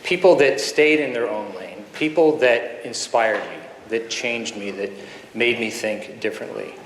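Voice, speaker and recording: A man in his fifties, a surgeon giving an earnest keynote speech full of anecdotes, with pauses and fillers, at a podium microphone in a conference hall. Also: medium pitch, slight background noise. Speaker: guest speaker, surgeon. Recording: echoey hall with faint ambience.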